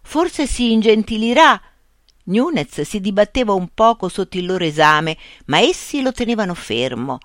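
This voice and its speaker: An audiobook narrator reading a classic tale in a measured, storytelling way. the voice has a lively rise and fall, and it is recorded dry and close with no room sound. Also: mid-range voice, dry recording.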